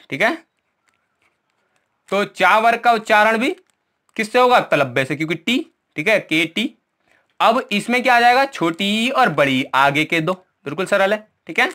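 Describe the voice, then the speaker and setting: A male Hindi teacher in an exam-prep lesson, with a high, bright, ringing voice. He quizzes the class and answers his own questions, checking in after each point. He walks through memory tricks while pointing at what he has written. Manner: repeats "ठीक है" often, asks questions and answers them himself.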